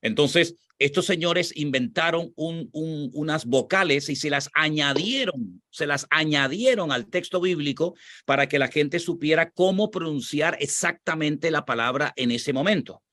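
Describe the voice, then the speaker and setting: A man's voice: a little high, unhurried, hardly any pauses, pushed and bright, no room sound, clean studio sound. A man from Spain with a Spanish accent, a pastor explaining scripture and answering questions in a teaching tone, repeating his points for emphasis.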